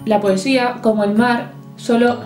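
A woman from Spain giving a lively, chatty poetry lesson with playful asides. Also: on the high side, unhurried. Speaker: literature teacher. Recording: echoey room, soft guitar music.

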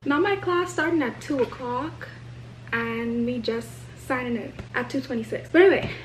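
A woman's voice: sits high, normal speed, over loud music. Chatty young woman vlogging her week. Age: young adult. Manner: chatty, animated, thinking aloud to the camera. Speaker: college student vlogger. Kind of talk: casual vlog narration. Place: at home.

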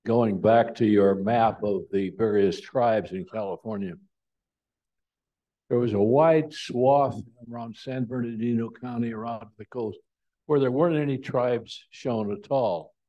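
A man in the audience asking the speaker a question in a measured, plain way, heard off-mic across a lecture room. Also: medium pitch, mellow, highs cut off.

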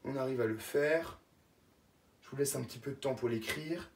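A woman teacher dictates simple words to young children in a low voice, spelling each one slowly letter by letter. She sits back from the microphone in a room with an echo. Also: a little hiss or hum. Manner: slow, spells words letter by letter and repeats them. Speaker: first-grade teacher. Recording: echoey room, voice from a distance.

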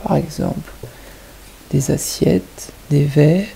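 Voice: medium pitch, slow pace, vocal fry, mellow, slight background noise, rough recording. A kindergarten teacher with a French accent, patiently explaining a lesson to young children and asking them questions step by step.

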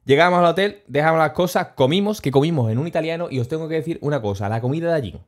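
A man telling a travel story on his stream in a casual, animated, slangy way, chuckling as he goes. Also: a little high, racing.

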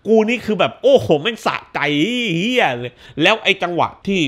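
A high-pitched man talking through a horror film in loose, profane slang. His voice swings up and down as he gets carried away acting out scenes. Some lines break into shouts. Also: normal speed. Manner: animated, crude slang, acts out scenes with shouts. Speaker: movie reviewer. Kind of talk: casual spoiler movie review.

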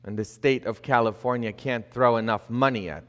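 Speaking at a normal speed in a medium-pitched voice, a middle-aged priest preaches from the pulpit, building emphasis and tossing in rhetorical questions. A fixed, distant camera films him in the church sanctuary, where long reverb fills the hall.

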